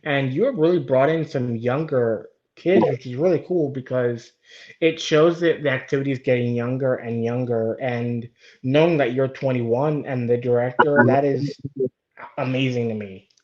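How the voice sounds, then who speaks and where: A man hosts a podcast, asking questions and cheering on his guest with plain enthusiasm. His pitch is ordinary. The sound is somewhat dull and lo-fi. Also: normal speed. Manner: enthusiastic, encouraging. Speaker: podcast host. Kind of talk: podcast interview.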